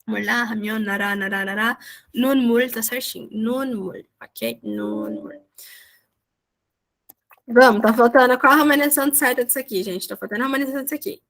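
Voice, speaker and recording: Woman, young adult, online teacher, slightly higher voice, chatty and encouraging. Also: quick pace, fairly bright tone. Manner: chatty, encouraging, drawls out example words. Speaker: language teacher. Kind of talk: online class explanation. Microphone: video call.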